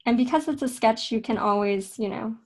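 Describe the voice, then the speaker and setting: A young woman teaching a casual drawing lesson, talking in a relaxed, chatty way with fillers and self-corrections. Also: a little high, brisk. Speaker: art instructor.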